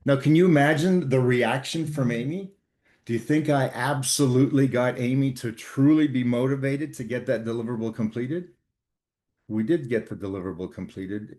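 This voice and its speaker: An older man from Canada, a guest author on leadership, telling a work story in an earnest, measured way with frequent pauses and fillers. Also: medium pitch, darkish tone. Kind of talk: storytelling interview talk.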